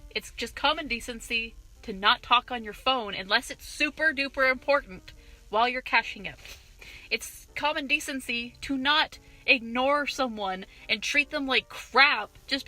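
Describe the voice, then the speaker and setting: A woman's voice: on the high side, low-quality recording. A young woman and cashier, ranting indignantly and profanely about a customer in a vlog. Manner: profane, indignant, animated retelling. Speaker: vlogger, cashier.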